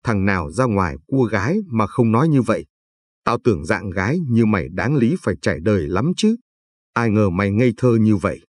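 A man's voice: lowish voice, lively intonation, fairly quick, darkish tone, no echo. A man reading the part of a cruel, contemptuous husband who sneers, insults and threatens in a storybook reading. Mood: sneering.

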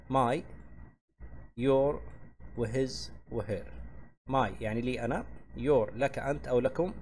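A man's voice: mid-range voice, darkish tone, a little hiss or hum. Man teaching English grammar. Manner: checks in with a frequent "tamam?" and repeats each point slowly; reads English examples slowly, then translates. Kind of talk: grammar lesson explained in Arabic.

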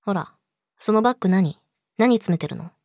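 A woman's voice: mid-range voice, animated, moderate pace, darkish tone, no echo, studio quality. A woman playing a clingy, possessive yandere girlfriend in an intimate pillow-talk role-play, coaxing and insistent. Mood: coldly menacing.

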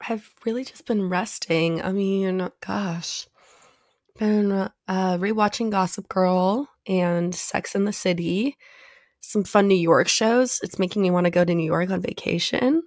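Young woman co-host, raspy and hoarse from a sore throat, dry close sound, chatty casual delivery. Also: medium pitch, measured pace, darkish tone, dry recording. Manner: chatty, frequent "like" and "um" fillers. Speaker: podcast co-host. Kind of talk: casual chat.

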